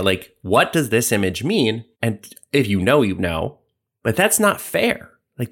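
Male co-host, lowish, very expressive delivery, explanatory talk. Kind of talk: explanatory discussion.

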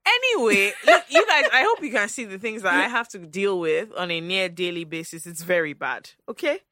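A woman's voice: on the low side, a little fast, sharp tone, no echo, clean studio sound. A woman with a Nigerian accent hosting a podcast with blunt, teasing, casual banter. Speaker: podcast host.

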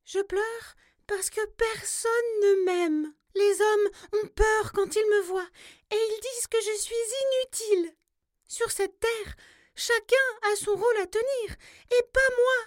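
A tiny, lonely storybook spider, pleads in a tearful way. Her voice sits very high and sounds thin and unlike her normal tone. The sound is close and dry. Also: takes it slowly, dry recording. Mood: tearful, plaintive. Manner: tearful high squeaky plea.

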